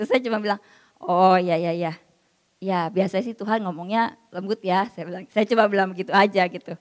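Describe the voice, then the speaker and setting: A woman's voice: medium pitch, in a large hall. A woman preacher giving a casual, story-filled sermon, acting out the voices she quotes.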